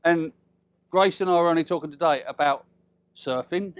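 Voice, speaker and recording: Middle-aged British man, high-pitched voice, father-of-the-bride speech, chatty, teasing, informal humour, pausing for effect. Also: clean tone, dry recording. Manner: chatty, teasing, with deliberate pauses and tag questions. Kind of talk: informal humorous wedding speech.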